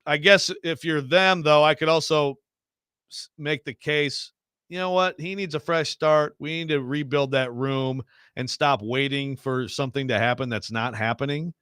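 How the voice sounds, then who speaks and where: Male sports radio host, forceful and clear, slightly high voice, wordy casual talker. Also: fairly even intonation, moderate pace, no echo, studio quality.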